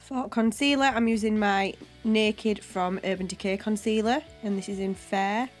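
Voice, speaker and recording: A young beauty vlogger with a cold, chesty voice casually narrates a makeup tutorial voiceover on a home voiceover mic. She's chatty and explains step by step at a moderate pace, with a medium pitch and steady tone over soft background music.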